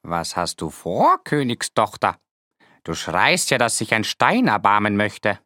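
A sly, pleading frog from a storybook, croaking low and slow. A woman plays him as she reads the tale aloud. The voice swings widely from deep rumbles to higher pleas, recorded dry and close. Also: big pitch swings, bright, forceful tone, no echo, exaggerated voice. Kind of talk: storybook reading.

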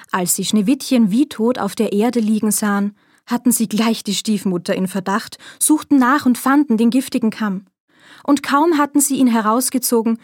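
Woman reading a fairy tale, bit high voice, steady and expressive, super dry mic. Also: dry recording. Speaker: storyteller. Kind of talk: fairy tale read-aloud.

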